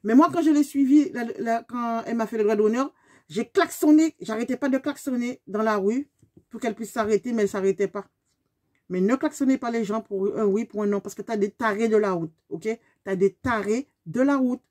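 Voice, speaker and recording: Woman, 50s, bright higher voice, emphatic storyteller for a vlog. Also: fairly quick. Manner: animated, emphatic storyteller talking straight to her viewers. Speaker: beauty vlogger.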